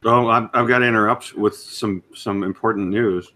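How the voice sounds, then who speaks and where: A man's voice: on the low side, fairly even intonation, normal speed, pushed and bright. A man chatting casually on a stream, dropping dry joking asides. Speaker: stream chat guest.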